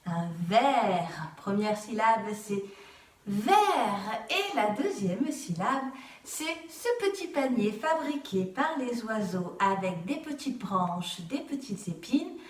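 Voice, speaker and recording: A woman's voice: high-pitched, far from the mic. A woman teacher giving a patient home video lesson to young children, often checking they follow. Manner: patient, keeps asking "d'accord?". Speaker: kindergarten teacher. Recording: roomy sound, voice set back from mic.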